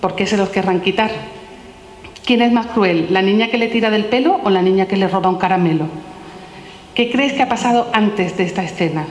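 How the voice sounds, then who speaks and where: Woman presenting, asks questions to the audience one after another, mid-pitched voice, echoey hall. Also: brisk, a little hiss or hum. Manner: asks a steady stream of gentle questions. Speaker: author presenting her book. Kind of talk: reading aloud questions from a children's philosophy book. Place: large echoey room at a public talk. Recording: roomy hall with long reverb.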